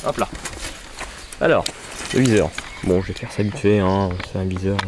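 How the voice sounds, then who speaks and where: A man's voice: low voice, normal speed. A man casually showing his archery gear to his camcorder at home, hesitating often with fillers. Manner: hesitant, many fillers, talks to camera. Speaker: archery vlogger. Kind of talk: casual equipment demo. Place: outdoors at home. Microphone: camcorder mic. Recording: camcorder recording with background noise.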